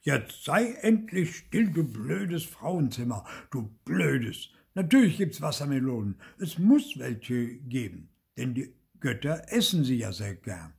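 A short-tempered peasant husband from a folk tale, voiced by an older storyteller, husky and raised in pitch. He scolds loudly and impatiently, and his lively voice leaps up and down. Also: unhurried, full character voice. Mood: scolding.

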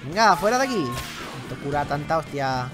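A young man with a Spain Spanish accent comments on his own gameplay in an excitable, slangy way, talking straight to his viewers. His voice swings up and down a lot. Game music plays clearly behind him. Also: a little high, normal speed. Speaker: gaming YouTuber.

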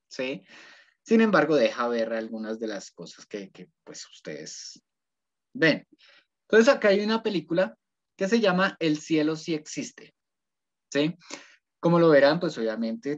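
A man teaching an ethics class online, talking loosely and checking in with "¿sí?" after his points. His mid-pitched voice comes through a computer mic on a video call. The audio is dull and lo-fi. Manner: conversational, asks "¿sí?" often, rephrases.

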